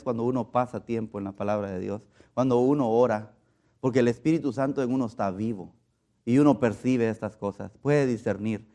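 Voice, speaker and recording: A man's voice: medium pitch, a little mellow. A man from Guatemala with a Guatemalan Spanish accent, giving a conversational sermon in an earnest way and often repeating words as he looks for them. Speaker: preacher.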